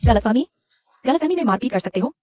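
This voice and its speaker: A woman playing a shrill outraged rich wife. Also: animated, fast talker, mellow, lightly acted. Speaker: boss's wife.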